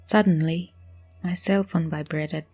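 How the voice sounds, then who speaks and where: A woman narrating a scary story in a hushed voice, often dropping to a whisper. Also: deep voice, fairly even intonation, measured pace, soft background music. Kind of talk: scripted horror story narration.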